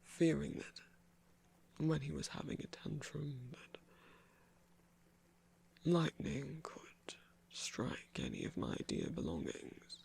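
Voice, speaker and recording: A man voicing a gentle trickster god in an ASMR roleplay, whispering slowly and soothingly in a breathy, creaky voice with refined, hesitant phrasing. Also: fairly high pitch, huge pitch swings, full character voice. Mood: gentle reminiscing. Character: Loki, gentle male trickster god comforting someone.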